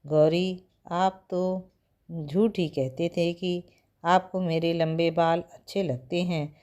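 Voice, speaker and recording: A woman's voice: fairly low pitch, steady tone, takes it slowly. A woman doing a wistful young bride. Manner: soft, complaining. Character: gentle young bride, wistful about her hair.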